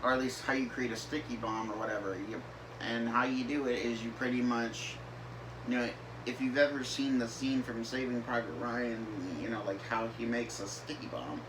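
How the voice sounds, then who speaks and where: A young man from the northern United States, a gaming YouTuber, talks casually over gameplay, rambling with many fillers and restarts. His medium-pitched voice is steady at a moderate pace, with game engine noise behind him.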